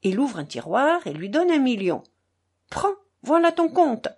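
A woman reading a novel aloud, voicing a haughty gentleman gambler who talks stiffly in halting, broken phrases. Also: high-pitched, big pitch swings, slightly rough, voice pushed up, full character voice.

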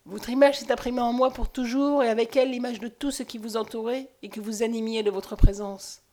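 A woman's voice: a little high, steady tone, fairly quick, darkish tone, close to an everyday voice. A woman reading the part of a man who has lost his memory, speaking earnestly and with passion in a storybook reading. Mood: pleading. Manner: earnest, impassioned. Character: haunted man with lost memory, pleading and intense.

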